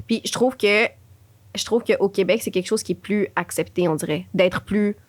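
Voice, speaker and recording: Expressive woman with a Quebec French accent. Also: mid-range voice, normal speed, no echo. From Chile. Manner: expressive, frequent fillers, mixes in English. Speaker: podcast co-host. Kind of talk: casual conversation.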